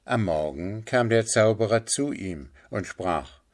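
A man narrating a fairy tale in a calm, measured reading style. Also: fairly low pitch. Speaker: storyteller.

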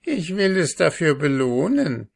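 A man voicing a spiteful old crone with a hoarse, cackling voice in a storybook reading. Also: a little high, big pitch swings, a little slow, voice pushed up, full character voice. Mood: scheming. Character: spiteful hook-nosed old crone, a witch.

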